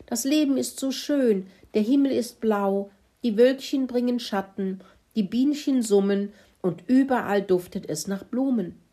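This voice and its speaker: A woman voicing a wise, stern male tomcat in a children's story who lectures the others, husky voice. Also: a little high, measured pace, dark tone, pitched above the performer's own voice. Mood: scolding.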